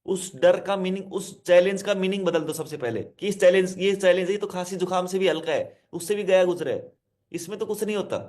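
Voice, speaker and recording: A man's voice: high voice, a little fast, a little mellow. A male hypnotherapist giving a self-help lesson, speaking directly to listeners, repeating his instructions and explaining with simple word examples.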